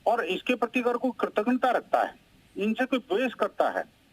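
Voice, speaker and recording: A high-pitched man argues his point on a televised panel. His talk is emphatic and insistent, and he cuts in on other speakers. He is heard over a remote line. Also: sing-song, normal speed, slightly rough, poor audio. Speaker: panel guest. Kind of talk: heated TV debate.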